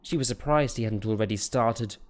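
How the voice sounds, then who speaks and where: A man narrating a fantasy audiobook in a steady, measured storytelling voice. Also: fairly low pitch.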